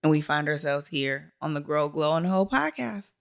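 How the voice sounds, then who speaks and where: A woman's voice: low voice, lively intonation, gravelly. A woman co-hosting a podcast in a casual, heartfelt chat, speaking emphatically in rhythmic lists. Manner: emphatic, builds rhythmic lists, quick affirmations. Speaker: podcast co-host.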